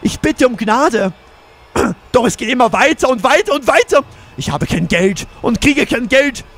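A man reads as a lost man trapped in an endless maze, his diary read out in a high, lively voice that keeps falling back on the same broken, pleading phrases. It is slow, shaken and despairing, a game's dramatic diary reading. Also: exaggerated voice.

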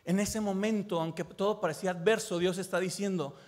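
A man's voice: high voice, steady tone, brisk. A man preaching a sermon as pastor, impassioned, repeating phrases and asking the listener direct questions. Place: church. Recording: long reverb in a large hall.

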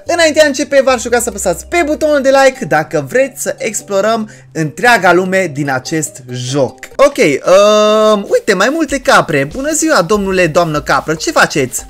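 A gaming channel host giving loud, chatty let's play commentary, often breaking into shouted exclamations and chatting to the game's characters. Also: medium pitch. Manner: chatty, addresses viewers and game characters. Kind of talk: excitable horror-game let's play commentary.

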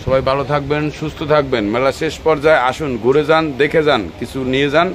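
A man's voice: on the high side, fairly even intonation, quick pace, fairly bright tone, slight background noise. Upbeat man touring plant fair stalls. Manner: upbeat, repetitive promotional patter. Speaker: gardening channel host. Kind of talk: promotional walkthrough at a tree fair.

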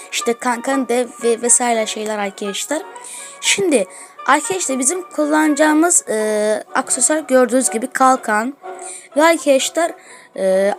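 A woman giving excitable gameplay commentary as a gaming video host, trash-talking opponents as she plays. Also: high-pitched. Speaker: gaming YouTuber.

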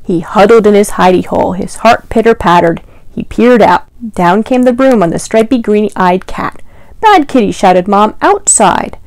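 A woman librarian reading a picture book aloud to young children in a sing-song, animated way, stopping to ask them questions. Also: mid-range voice, moderate pace, no room sound. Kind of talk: storytime read-aloud.

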